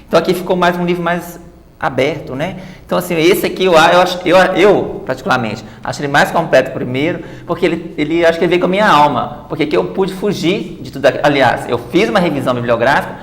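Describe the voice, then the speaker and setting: A woman's voice: low-pitched, quick pace, roomy sound. A woman guest in a TV studio interview, explaining at length and often adding "né" tags. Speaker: guest author and activist.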